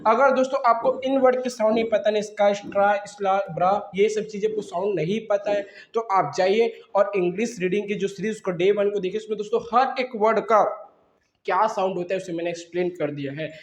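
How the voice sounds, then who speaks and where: A man teaching English reading, blending syllables slowly in a phonics drill and coughing repeatedly. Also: high-pitched, steady tone. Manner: slow syllable-by-syllable blending, addresses viewers as friends. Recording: roomy, dull lo-fi sound.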